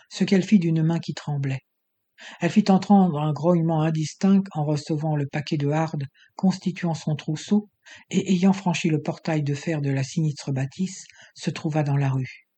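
Mellow, husky male storyteller. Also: fairly high pitch. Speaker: audiobook narrator. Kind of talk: scripted narration of an adventure novel.

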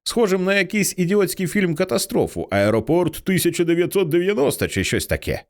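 A man's voice: high-pitched, big pitch swings, a little fast, voice pushed up. A man voicing an edgy teenage girl in an audiobook reading, blunt and sarcastic, swearing casually. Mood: wry, anxious.

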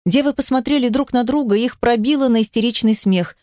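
Female audiobook narrator, fairly high voice, dry close recording. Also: brisk, no echo. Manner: steady storytelling, shifting into character voices.

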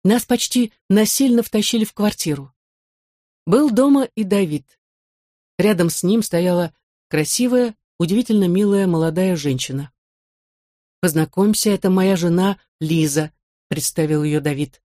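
A woman narrating a memoir audiobook in a measured, expressive reading. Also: medium pitch, dry recording, studio quality.

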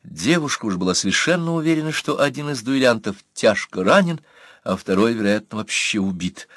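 A man reading a novel aloud as audiobook narrator in measured storytelling. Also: medium pitch, expressive, fairly bright tone, no echo, studio quality. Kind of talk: scripted narration.

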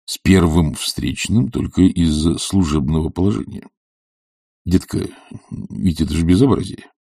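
A man's voice: low-pitched, measured pace, creaky, warm tone, breathy edge, exaggerated voice. A man voicing a stern older professor who speaks firmly and curtly. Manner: firm, curt, mutters at times.

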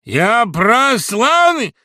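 A man voicing a brutish, nasal male thug and police informer in an audiobook, barking out bullying shouts. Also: fairly low pitch, wildly swooping pitch, measured pace, gravelly, breathy edge, no echo, clean studio sound, exaggerated voice. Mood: sneering. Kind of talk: audiobook reading.

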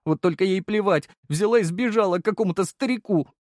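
A man's voice: steady tone, a little fast, no room sound, studio quality, natural voice. A man doing a whimpering young deputy. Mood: tearful. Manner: high whimpering, sobbing voice. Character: young man, whiny sleepy deputy Volodya.

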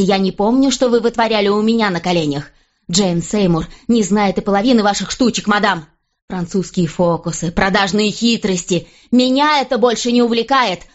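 A woman reading an audiobook, voicing a proud, stubborn middle-aged king who speaks pompously in a lower, firm voice. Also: dull audio, natural voice.

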